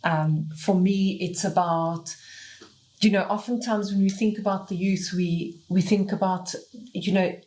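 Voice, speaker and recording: A woman's voice: medium pitch, steady tone, unhurried, a little mellow. A middle-aged woman hosting a podcast panel, speaking thoughtfully with fillers and restarts. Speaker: podcast host. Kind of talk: casual panel discussion.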